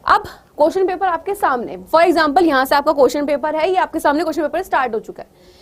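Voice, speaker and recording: A woman teacher with a high voice gives an exam preparation lecture. She coaxes her students and keeps checking that they understand. She slips English words into her explanations. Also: fast.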